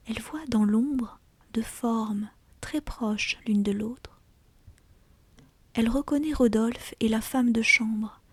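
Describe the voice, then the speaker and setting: A woman reading literary fiction as an ASMR audiobook in a hushed, breathy, deliberate whisper, close to the mic. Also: fairly high pitch, no room sound. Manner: slow, hushed, deliberate storytelling. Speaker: audiobook reader.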